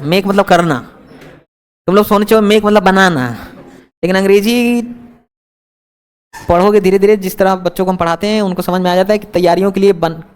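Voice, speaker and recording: A man teaching a grammar lesson to a live classroom, often checking that students follow and teasing them. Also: high voice. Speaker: English teacher.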